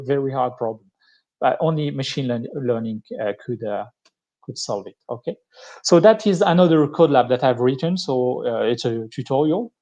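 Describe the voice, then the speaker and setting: A man with a French accent talks an online audience through a live technology demo. His voice sits in an ordinary middle register. He explains things patiently, pausing often to gather his thoughts as he goes. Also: medium pitch, a little mellow. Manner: explanatory, thinking aloud with many pauses. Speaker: tech speaker giving a live demo. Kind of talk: live-streamed tech presentation.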